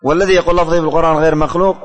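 A man's voice: a little high, flat delivery, very fast, big-room sound. A man teaching a religious studies class, calling on students by name, asking questions and repeating the answers.

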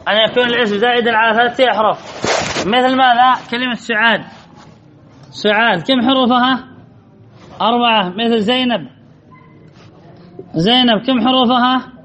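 A man's voice: very high-pitched, steady tone, moderate pace, long pauses, pushed and bright. A man teaching Arabic grammar from a classical text, reading passages aloud and quizzing his students, then repeating their answers. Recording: slightly dull, faint background noise.

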